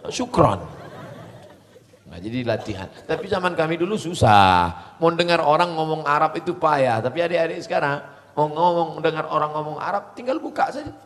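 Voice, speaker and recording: A middle-aged man preaching to students, telling stories in a lively, humorous, animated way. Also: on the high side, brisk. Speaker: Islamic preacher. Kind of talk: sermon to students. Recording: long hall reverb.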